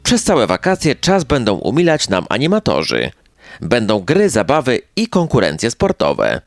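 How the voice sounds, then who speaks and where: A man's voice: mid-range voice, huge pitch swings, measured pace, gravelly, dry recording, clean studio sound. A man reading scripted local news narration as a newsreel announcer. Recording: music bed under voice. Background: background music.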